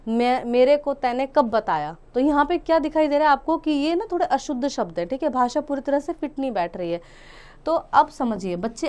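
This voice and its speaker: Patient woman teacher with a smooth, higher voice. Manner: patient, repeats each word twice, checks in with "theek hai". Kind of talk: classroom grammar lesson for children.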